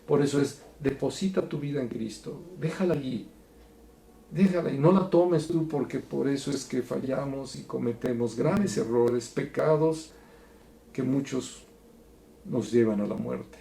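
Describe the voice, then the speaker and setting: A man teaching a Bible study in an earnest, preacherly way, going from soft to emphatic. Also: medium pitch, unhurried, gravelly. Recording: echoey room.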